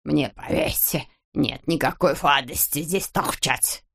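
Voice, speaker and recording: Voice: medium pitch, unhurried, gravelly, fairly bright tone, pitched below the performer's own voice. An audiobook reader voicing a stingy, grumbling rich man who lisps, saying F instead of R. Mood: grudging haggling. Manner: grumbling, haggling. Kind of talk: audiobook character voice.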